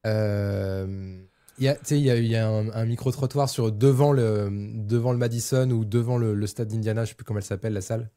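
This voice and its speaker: A man co-hosting a casual basketball podcast, relaxed and hesitant, with many fillers. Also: lowish voice, a little fast. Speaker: podcast co-host. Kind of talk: casual chat about basketball.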